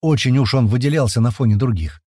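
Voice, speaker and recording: Husky male audiobook narrator. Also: mid-range voice, fast talker, dry recording, clean studio sound. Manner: lively, shifts voice for quoted characters. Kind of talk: scripted first-person narration with acted dialogue.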